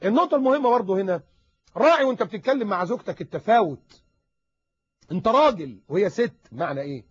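A man with an Egyptian accent giving a lively religious advice lecture, talking animatedly and acting out little dialogues. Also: high voice, husky, dry recording. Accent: Egyptian Arabic. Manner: animated, acts out dialogues, rapid repetitions. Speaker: preacher. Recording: dull lo-fi recording.

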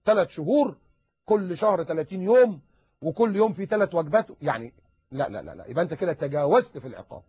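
A man with an Egyptian accent giving a lively religious advice lecture, talking animatedly and acting out little dialogues. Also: fairly high pitch, breathy edge, no echo. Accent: Egyptian Arabic. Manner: animated, acts out dialogues, rapid repetitions. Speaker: preacher. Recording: dull lo-fi recording.

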